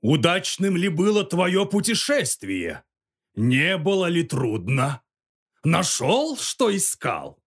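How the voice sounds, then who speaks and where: A man voicing a jovial, grateful old king who speaks slowly and chuckles. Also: a little high, husky, exaggerated voice. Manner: chuckling, expressive.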